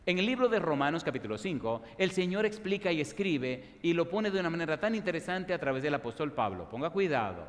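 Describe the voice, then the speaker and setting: A pastor preaching a sermon, asking the congregation repeated questions and building to fervent emphasis. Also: male voice, fairly high pitch, big pitch swings, brisk, hardly any pauses, long reverb tail. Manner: call-and-response questions, rising to fervent emphasis.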